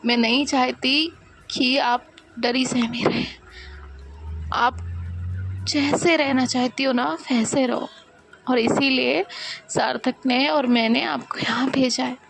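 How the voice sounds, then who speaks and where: A woman voicing a loving, remorseful mother who speaks softly and tenderly to comfort her daughter. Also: high-pitched, steady tone, takes it slowly, vocal fry, pauses often, slight background noise, exaggerated voice, rough recording.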